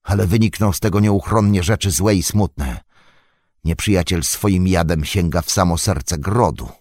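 A man's voice: sits low, moderate pace, a little mellow, no echo, studio quality. A man voicing Gandalf, a stern old male wizard speaking in a grave, commanding way.

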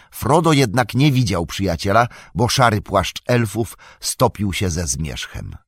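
Low-voiced male audiobook narrator. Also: dry recording, studio quality.

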